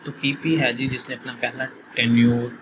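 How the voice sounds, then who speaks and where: A man, a quiz tutor who reads questions slowly and then explains the answers in a plain conversational tone. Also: medium pitch, flat delivery, noisy background. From Pakistan.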